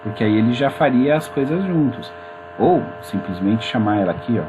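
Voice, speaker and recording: Man, informal programming teacher, lively up-and-down delivery, audible mains hum on the track. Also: mid-range voice, normal speed. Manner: chatty and informal, addresses viewers as gente. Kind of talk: screen-recorded coding tutorial.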